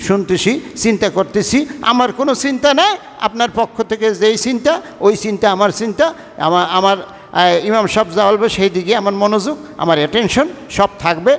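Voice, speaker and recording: Preaching a Friday sermon in a large hall, a high-voiced imam from Bangladesh's Barishal-Patuakhali region speaks Bengali with a Barishal accent. His manner is conversational, mixing everyday and formal speech, and he keeps asking the congregation questions.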